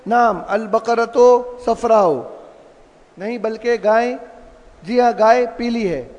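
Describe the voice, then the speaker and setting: A man's voice: very high-pitched, long reverb tail, lo-fi sound. A man teaching an Arabic lesson, explaining words and asking and answering his own questions. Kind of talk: classroom lesson.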